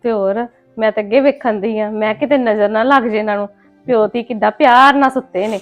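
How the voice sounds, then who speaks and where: A woman acting as an aunt in a scripted family drama, scolding and emotional, her voice rising loud when upset. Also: on the high side, brisk, faint music behind.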